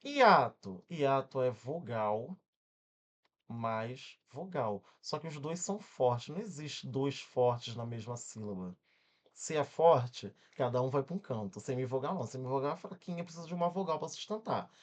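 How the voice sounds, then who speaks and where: A man with a Brazilian accent teaching an exam-prep grammar lesson, energetic and constantly checking in with quick questions while he spells words out syllable by syllable. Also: mid-range voice. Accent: Brazilian Portuguese.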